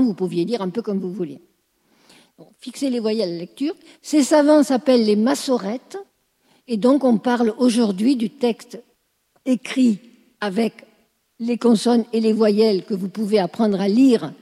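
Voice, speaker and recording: A woman's voice: fairly high pitch, mellow, slightly rough, big-room sound. A woman teaching a class, explaining at length and often checking whether her listeners follow. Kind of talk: classroom lecture.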